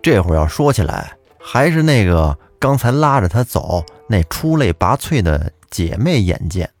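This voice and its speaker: Chatty male storyteller, lively voice. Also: fairly low pitch, normal speed, faint music behind. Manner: chatty, addresses listeners directly. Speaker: storyteller host. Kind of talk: storytelling narration of a folk tale.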